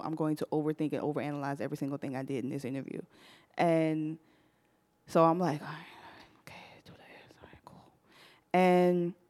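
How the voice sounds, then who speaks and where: A young woman hosting a podcast, telling a personal story to a live audience, animated and laughing often. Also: sits low. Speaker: podcast host.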